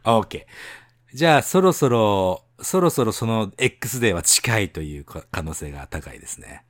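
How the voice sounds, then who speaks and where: A man from Tohoku, Japan co-hosting a casual bilingual chat, laughing often and protesting with animated repeated denials. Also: fairly low pitch, moderate pace, dry recording, studio quality. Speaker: podcast co-host.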